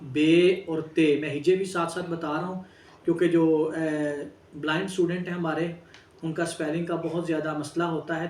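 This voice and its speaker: A man's voice: a little high, a little mellow. A man teaching a Braille lesson, spelling out each word letter by letter and talking straight to his students. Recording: echoey room, distant mic.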